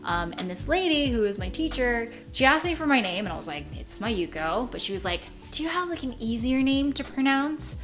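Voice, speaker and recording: A woman's voice: on the high side, very animated, fairly quick, few pauses. A young American woman in her twenties giving a casual vlog talk, chatty with many fillers and acting out what people said. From United States. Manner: chatty, many fillers, acts out quoted speech. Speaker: vlogger. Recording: music playing under the voice.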